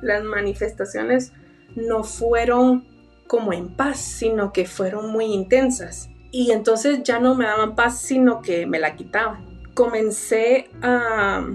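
Young woman, earnest halting storyteller, a little off-mic, soft music under. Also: fairly high pitch. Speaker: guest telling a personal story. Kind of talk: personal paranormal testimony. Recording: voice a bit far from the mic, faint music behind.

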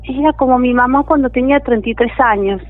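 A woman with a high voice and a Rioplatense Spanish accent calls in to share a personal story. She speaks haltingly, restarting phrases as her voice wavers with emotion. Her voice is tinny and narrow, as if coming through a phone line. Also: soft background music. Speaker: caller sharing a personal story.

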